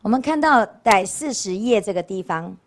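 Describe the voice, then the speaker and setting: A woman's voice: medium pitch, expressive, moderate pace. A woman, a Buddhist nun giving a casual storytelling dharma talk and often asking her listeners "right?". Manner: chatty, keeps asking rhetorical "right?" questions. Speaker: Buddhist nun lecturing on scripture. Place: temple lecture hall.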